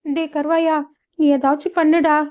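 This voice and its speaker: A woman voicing a scolding old village mother in a cartoon story, with a shrill, anxious manner. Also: flat delivery, moderate pace, lightly acted. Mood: frightened. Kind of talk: cartoon voice acting. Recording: dull lo-fi sound.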